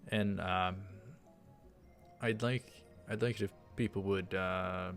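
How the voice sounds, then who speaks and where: Taking it slowly, a man with a low-pitched, steady voice reads a visual novel for his let's play. He pauses to make hesitant, rambling, casual side comments, and faint background music from the game can be heard.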